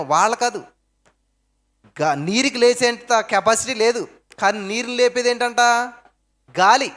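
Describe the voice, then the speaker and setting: A man preaching a sermon, firing off rhetorical questions and answering them himself, with emphatic swings between loud stresses and low asides.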